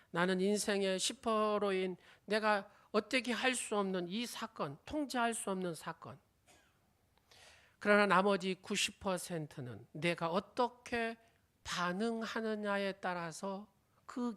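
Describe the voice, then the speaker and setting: A woman's voice: medium pitch, fairly bright tone. A woman preaching a sermon, telling an illustrative story and quizzing the congregation with questions, her sentence endings often fading to a whisper. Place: church sanctuary.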